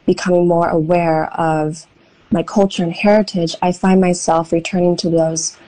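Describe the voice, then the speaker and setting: A young American woman speaks in a somewhat low voice, weighing her words. She pauses often with soft ums as she answers interview questions. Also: fairly even intonation, rough recording. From United States. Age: young adult. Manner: thoughtful, hesitant with frequent ums. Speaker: guest, painter and writer.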